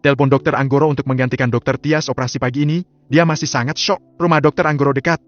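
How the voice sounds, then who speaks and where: A man's voice: mid-range voice, fairly even intonation, fast talker, pitched above the performer's own voice, lightly acted. A man voicing a protective young hospital director, speaking in a soothing, reassuring way. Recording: slightly dull lo-fi audio.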